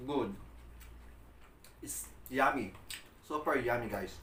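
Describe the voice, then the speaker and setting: A man's voice: medium pitch, takes it slowly, bright, forceful tone. A Filipino man, a native Tagalog speaker, chatting casually to viewers in simple, exclaiming English while eating crunchy fried chicken in a mukbang. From Philippines. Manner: exclaiming, repetitive praise of food in simple English. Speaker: mukbang vlogger. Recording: echoey room, faint background noise.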